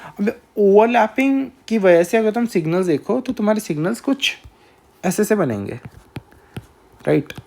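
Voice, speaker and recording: A man with an Indian accent giving a recorded lecture, speaking slowly and deliberately, often pausing to check in with listeners. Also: high-pitched, big pitch swings, creaky, darkish tone. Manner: slow, measured, with frequent filler checks.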